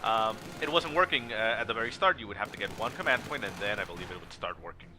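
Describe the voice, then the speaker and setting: A man who is sick with a stuffy nose commentates a strategy game match in a casual, explanatory way, his voice nasal and congested. It's lowish and expressive, he talks fast, and video game battle sounds and music play behind him.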